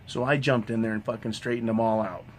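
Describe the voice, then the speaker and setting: A man's voice: on the low side, fairly even intonation, quick pace, a little hiss or hum. Profane, combative man ranting. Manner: profane, combative, swears constantly; keeps tagging "right?" onto sentences. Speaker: vlogger. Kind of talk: ranting monologue.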